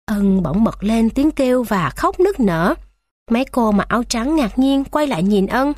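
A woman narrates a story in a steady, expressive reading voice. Her voice sits fairly high. The sound is close and dry. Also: moderate pace, no echo.

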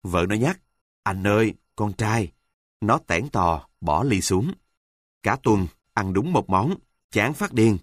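A man telling an earthy, humorous first-person story with a wry, deadpan delivery. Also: fairly low pitch, slow pace, no room sound, studio quality.

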